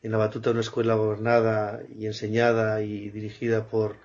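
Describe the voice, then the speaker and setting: A man's voice: fairly low pitch, completely flat delivery, fairly quick, darkish tone, lo-fi sound. A man interviewing a guest in casual Spanish conversation, chatty and full of affirming interjections.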